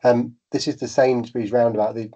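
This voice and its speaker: A man's voice: medium pitch, flat delivery, fairly quick, mellow. A man presenting hesitantly at a consultation meeting, his voice muffled and congested with a bad cold. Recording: dull, lo-fi meeting audio.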